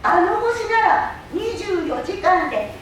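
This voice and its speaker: A woman's voice: extremely high pitch, full character voice. A woman playing an earnest, curious young boy in a theatrical staged reading. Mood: wistful. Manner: deliberate, expressive storytelling with wondering questions. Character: little prince, earnest, curious young boy from a tiny planet. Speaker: stage reader. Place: public hall stage. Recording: distant mic in echoey hall, faint noise.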